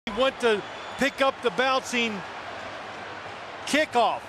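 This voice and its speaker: A man giving animated, emphatic color commentary on a live football broadcast. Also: very high voice, slow pace, noisy background. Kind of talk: live sports analysis.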